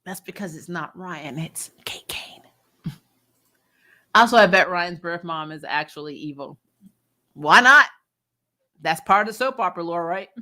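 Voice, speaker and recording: An unhurried woman with a lowish voice pauses often while hosting a fan recap show. Her take on TV is casual and opinionated, blunt and sweary, with animated mock-quotes.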